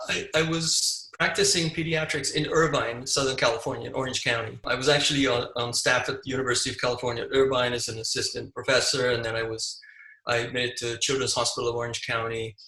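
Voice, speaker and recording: A man in his seventies, born in Hungary, speaking as an interview guest and recalling his life in a reflective, halting way with many restarts. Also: mid-range voice, pushed and bright, echoey room, rough recording. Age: 70s. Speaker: guest, physician and screenwriter. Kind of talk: casual interview.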